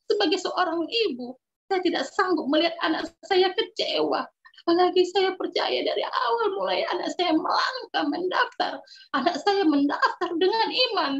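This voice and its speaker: A middle-aged woman with a very high, piercing voice gives an emotional personal testimony. She talks fervently and earnestly and circles back over the same words. The recording is dull and lo-fi. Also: lively intonation, normal speed, vocal fry. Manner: fervent, earnest, often repeats herself. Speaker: mother giving a personal testimony.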